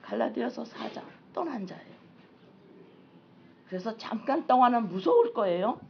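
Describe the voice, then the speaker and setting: A woman's voice: fairly high pitch, very animated, normal speed, gravelly, dull audio, slight background noise. A woman pastor preaching a sermon in a conversational, repetitive way and reading scripture aloud. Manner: conversational, repetitive preaching that acts out little dialogues.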